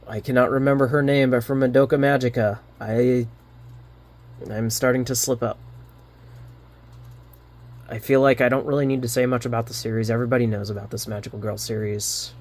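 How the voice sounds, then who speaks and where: A man rambling through a card unboxing, halting often with fillers and restarts, a little winded. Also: medium pitch. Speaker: card unboxing channel host. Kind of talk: casual unboxing commentary.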